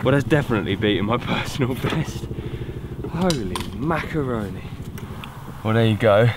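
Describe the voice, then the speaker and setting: A young British man, an angler presenting a fishing vlog, talks casually at a lakeside at night. His mid-range voice is animated at a moderate pace, with clear outdoor background noise.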